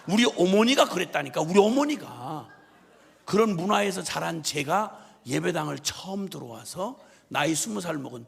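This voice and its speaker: A man's voice: on the high side, vocal fry, slightly rough. A man, a missionary preacher, giving a revival sermon in a church, telling stories with humor and mimicry. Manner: animated storytelling with humor and mimicry. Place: church sanctuary. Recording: long reverb of a church hall.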